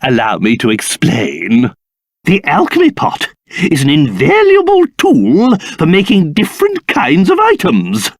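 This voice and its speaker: A man voicing a pompous, excitable old cursed king in a video game, with a British accent and old-fashioned, theatrical speech. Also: on the high side, no echo, clean studio sound, exaggerated voice. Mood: proud, explaining. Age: older. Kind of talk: video game character voice acting.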